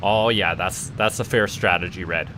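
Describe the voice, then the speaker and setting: In this casual gaming livestream, a male VTuber from Canada talks at a moderate pace in a low, pushed, bright voice. There's slight background noise as he rambles to his viewers and stumbles over repeated words.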